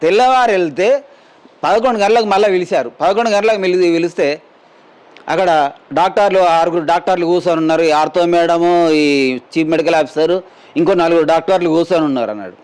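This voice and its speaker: A man's voice: fairly high pitch, a little fast, a little mellow, clear, resonant tone. A middle-aged man, telling an interviewer in a plain, rambling way what happened to him and quoting the people he met. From Telangana, India. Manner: plain rambling retelling, quotes others in dialogue. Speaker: injured mine worker telling his story. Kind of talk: spoken testimony to a news camera.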